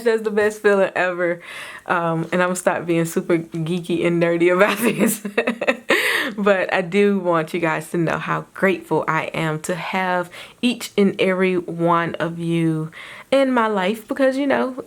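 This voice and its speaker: A woman's voice: on the low side, unhurried. A woman with a Southern US accent, a craft vlogger chatting casually to her viewers, rambling and giggling with lots of fillers. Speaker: craft YouTuber.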